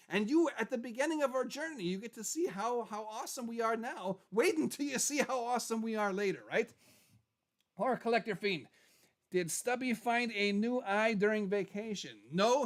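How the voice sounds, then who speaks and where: A man voicing a chatty skeleton show host in casual livestream talk, rambling and repeating phrases for emphasis. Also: high-pitched. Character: animated skeleton character, chatty male puppet show host. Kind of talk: casual in-character livestream chat.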